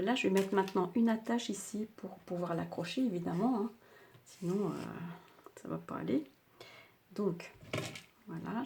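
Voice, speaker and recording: An older Frenchwoman hosting a craft tutorial, speaking softly with a slightly sore throat, chatty and hesitant with many fillers. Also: medium pitch, a little hiss or hum.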